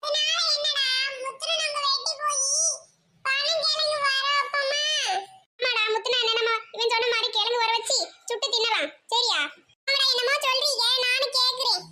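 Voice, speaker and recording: A performer voicing bossy, teasing village boys with a Tirunelveli Tamil accent in a high cartoon voice. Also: steady tone, moderate pace, full character voice. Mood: bantering. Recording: loud background noise.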